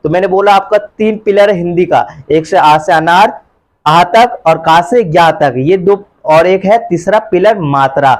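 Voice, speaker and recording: A man teaching a live Hindi alphabet class, leading pupils in call-and-repeat and chanting the letters loudly while coaxing them along. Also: sits high, measured pace. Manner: coaxing, calls pupils beta and bhaiya. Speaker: tutor.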